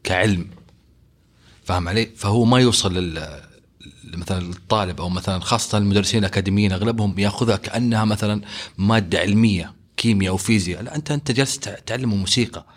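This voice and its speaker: A man with a Saudi Hejazi accent talks very fast in a lowish, husky voice. He is emphatic and opinionated, repeating himself and checking that the listener follows. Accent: Saudi Hejazi Arabic. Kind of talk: casual, opinionated discussion.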